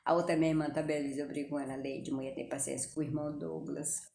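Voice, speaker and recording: A middle-aged woman with a Brazilian accent talks to her viewers in a casual, chatty way, her voice sitting a little low. She speaks straight to the audience and sprinkles in religious phrases. The recording is echoey, with a faint hum of room ambience behind her. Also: flat delivery, quick pace, vocal fry, warm tone. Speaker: vlogger. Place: home kitchen.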